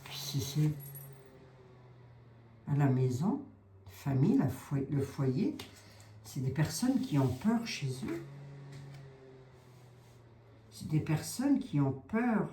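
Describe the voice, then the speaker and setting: A woman speaks slowly in a low, mellow voice, thinking aloud as she reads cards for her viewers. She hesitates, circles back and repeats phrases while she works things out. The sound is echoey, with faint ambient noise in the background. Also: sing-song. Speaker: psychic card reader. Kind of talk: casual live card reading.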